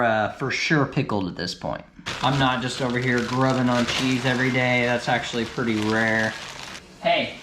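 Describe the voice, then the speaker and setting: A man's voice: mid-range voice, roomy sound, background noise. A man vlogging casually about his food for the day, easygoing and chatty, sometimes talking while he eats at home. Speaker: cycling vlogger. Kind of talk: casual vlog to camera. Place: home, kitchen and couch.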